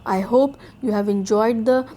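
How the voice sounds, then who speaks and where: A woman teacher with an Indian English accent, reading a children's poem slowly and explaining it quickly in English and Hindi. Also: a little high, fairly even intonation, dark tone. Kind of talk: classroom poem lesson.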